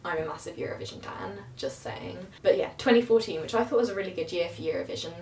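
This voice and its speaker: A young woman with a cold, her voice lowish, darkish and slightly nasal, talks fast and casually to a camera across her small bedroom while sitting at a keyboard. She's a cover singer and vlogger, chatty and rambling with lots of fillers. The room echoes, her voice sounds distant, and there's a little hiss or hum.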